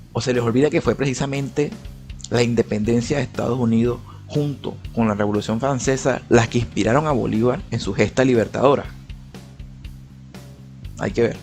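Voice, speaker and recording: A man's voice: mid-range voice, a little mellow. A young man from Venezuela with a Venezuelan Spanish accent, giving casual opinion commentary in a conversational way, often restarting his sentences and dropping slangy asides. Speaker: political YouTuber.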